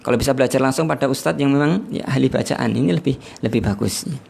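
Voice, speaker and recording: A man teaching Quran recitation in a livestreamed study session, often ending phrases with "ya" and slowly chanting verses to demonstrate. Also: medium pitch, creaky, darkish tone, slightly rough. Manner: tags sentences with "ya", sings out verses slowly to demonstrate. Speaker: religious teacher.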